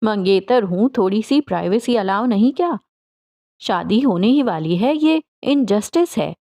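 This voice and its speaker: A woman's voice: mid-range voice, expressive, lightly acted. A woman reading a teasing young fiancé. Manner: gentle joking banter.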